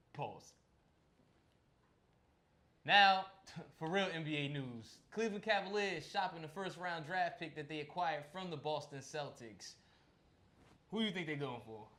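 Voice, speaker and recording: A man with a somewhat high voice co-hosting a casual sports podcast. He talks in an animated, conversational way and keeps posing questions to his partner. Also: measured pace, long pauses. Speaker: podcast co-host.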